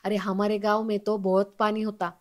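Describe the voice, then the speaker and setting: A woman's voice: medium pitch, little pitch movement, fairly quick, close to an everyday voice. A woman voicing a carefree, blunt young village maid who answers back casually in a serial recap. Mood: cheeky. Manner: casual, unbothered.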